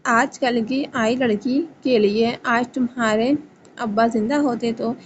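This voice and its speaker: A woman's voice: a little high, steady tone, lo-fi sound, a little hiss or hum, lightly acted. A woman reading the lines of a stern mother scolding her grown son in a novel reading. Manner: scolding and sharp.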